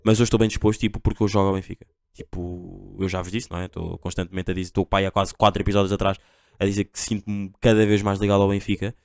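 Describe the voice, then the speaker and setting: A man's voice: deep voice, little pitch movement, fast, gravelly, a little mellow, dry recording, studio quality. A young man with a Portugal accent hosting a casual solo podcast, rambling in slang with constant fillers. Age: young adult. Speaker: podcast host.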